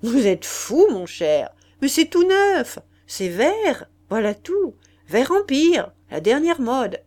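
A woman reading aloud and voicing a boastful, smooth-talking aristocratic marquis with emphatic bluster. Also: very high-pitched, very animated, slow, a little mellow, pitched above the performer's own voice, heavily acted. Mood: indignant.

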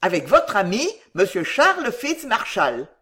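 A woman voicing a flustered elderly gentleman who pleads loudly and desperately to be heard. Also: mid-range voice, very animated, unhurried. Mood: explaining.

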